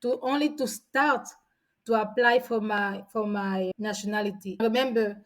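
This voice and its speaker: Her voice is medium in pitch, steady in tone, and moderate in pace. She's a woman in her forties from São Tomé and Príncipe, appearing as a guest and telling stories casually and chattily while often restarting.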